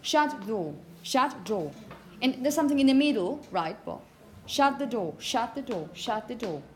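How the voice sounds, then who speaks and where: Her intonation lively and her pitch fairly high, a woman phonetics teacher keeps a measured pace, explaining example words with emphasis and frequently checking in with students. The indoor classroom sounds echoey, with noise in the background.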